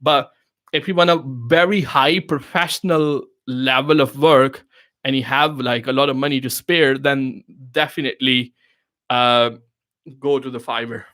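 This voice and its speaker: In a mid-range, slightly bright voice, a man speaks at a measured pace with fairly even intonation. Urdu is his first language, and he hosts a live Q&A stream, offering casual business advice in loose English with non-native phrasing. He chats conversationally, full of fillers and restarts, often asking "you know what I mean".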